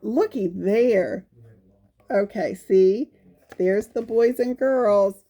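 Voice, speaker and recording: A storytime reader's warm, mid-range voice moves very slowly through a picture book for young children. Along the way she adds folksy exclamations and asks small questions to draw the kids in.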